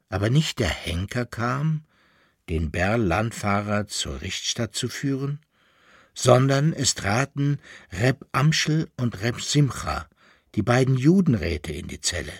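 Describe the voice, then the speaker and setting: A man reading a story aloud in a measured narrating manner. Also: mid-range voice, animated, breathy edge, no room sound, clean studio sound. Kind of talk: audiobook narration.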